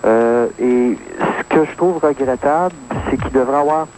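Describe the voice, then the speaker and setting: A man's voice: mid-range voice, moderate pace, a little mellow, rough recording. A man in his thirties with a Québécois accent calling in to radio, testifying earnestly and hesitating with many fillers. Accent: Québécois French. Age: 30s. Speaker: caller. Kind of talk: phone-in testimony. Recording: caller on AM radio with faint hiss.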